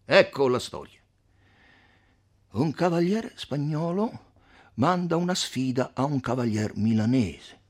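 Man doing a smooth, overbearing lord. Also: mid-range voice, expressive, slow pace, pauses often, pitched above the performer's own voice. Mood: storytelling. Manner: placating, smooth-talking.

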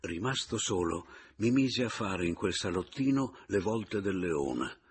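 A man narrating a novel in the first person, expressive and storytelling. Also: low voice, a little slow, slightly rough. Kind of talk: audiobook narration.

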